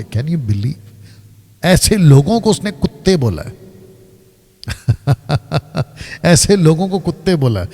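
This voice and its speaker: Man, pastor, animated Bible teaching, long hall reverb. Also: a little high. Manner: animated, directs a reader, quizzes the audience.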